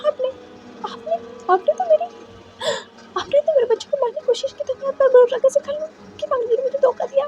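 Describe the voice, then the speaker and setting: A woman's voice: very high voice, fairly even intonation, fairly quick, mellow, highs cut off, faint music behind, voice pushed up. A woman voicing a desperate young man who cries and pleads with his father, repeating his words. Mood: sobbing pleading. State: crying. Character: young man, pregnant omega, desperate and sobbing.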